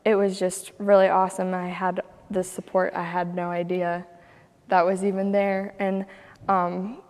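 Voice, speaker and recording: A woman's voice: on the low side, level tone, unhurried, a little mellow, long reverb tail. A young woman from Ohio casually telling a personal story as a guest, chatty and laughing often as she acts out what others said. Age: young adult.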